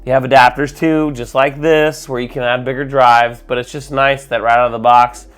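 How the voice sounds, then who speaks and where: A man's voice: mid-range voice, level tone, normal speed, fairly bright tone, clear, resonant tone. A man hosting a casual tech vlog, sick and slightly muffled, talking in a rambling, informal, enthusiastic way. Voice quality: muffled, congested. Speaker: tech video host.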